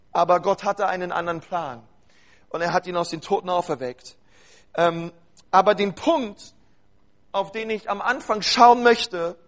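A man with a notably high-pitched voice delivers a sermon to his congregation. He speaks with earnest, urging conviction and builds his points through repeated phrases. He addresses his listeners directly as "you". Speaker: preacher.

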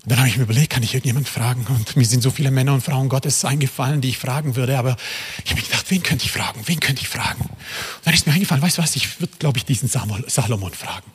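A man preaching a sermon with impassioned energy, swinging from loud, urgent highs to hushed whispers. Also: fast, husky, in a large hall.

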